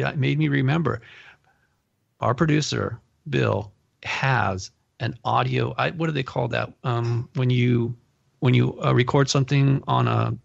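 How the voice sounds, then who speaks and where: Gravelly-voiced man telling lively stories. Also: mid-range voice, no room sound, lo-fi sound. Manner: animated, laughs often while telling stories. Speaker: podcast host. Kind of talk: casual interview storytelling.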